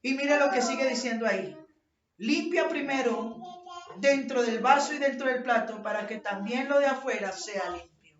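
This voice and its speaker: A high-voiced woman preacher delivers a fervent sermon, her voice climbing to shouts when she quotes scripture. She sounds distant from the mic, caught in a roomy, echoey church with a dull, lo-fi sound. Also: moderate pace, crowd noise. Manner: impassioned, rising to shouts when quoting scripture.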